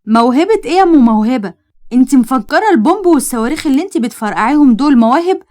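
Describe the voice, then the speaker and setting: Woman narrator voicing a bossy young Egyptian man: fast-talking and scolding, in a raised voice. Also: sits high, expressive, a little mellow. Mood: angry. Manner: scolding, threatening. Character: bossy protective young man, her cousin.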